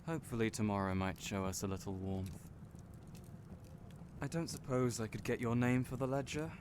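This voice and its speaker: A man plays a chatty, playful young innkeeper in a fantasy roleplay, speaking right to the listener in a natural mid-range voice at normal speed with fairly even intonation. He comes across as a genial, teasing storyteller, while a noisy storm and crackling fire fill the background.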